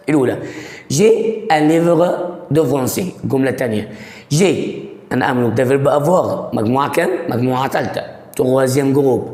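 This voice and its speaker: An Egyptian-accented man teaches a lesson at an ordinary mid pitch. He quizzes the listener and answers himself, step by step. His voice rings in a room with a long, echoing reverb. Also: a little mellow. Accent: Egyptian Arabic. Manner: reads example sentences out slowly. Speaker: French teacher. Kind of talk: language lesson.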